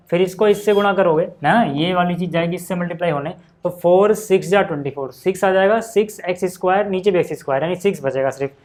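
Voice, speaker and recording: A man's voice: a little high, a little mellow. A man teaching maths at a board, chatty and explaining step by step, often asking if the class follows. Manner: chatty, asks check-in questions.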